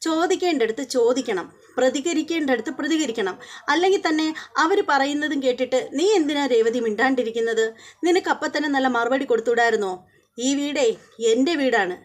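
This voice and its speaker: A woman's voice: sits high, expressive, brisk. A woman voicing a young husband who insists in a firm, lecturing way that his wife stand up for herself. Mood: firm, indignant.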